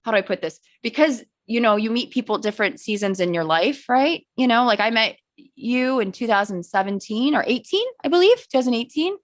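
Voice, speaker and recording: A woman talking as a podcast guest in casual conversation, animated and joking, often restarting her sentences. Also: fairly high pitch, a little fast, no echo, clean studio sound.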